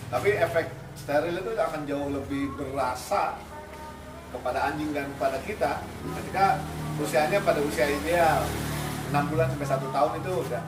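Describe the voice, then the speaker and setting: A man explains dog training to owners in a firm, casual way, slipping in English commands. His voice sits high. He is heard from a distance in a roomy space, with music underneath. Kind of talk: casual instructive coaching.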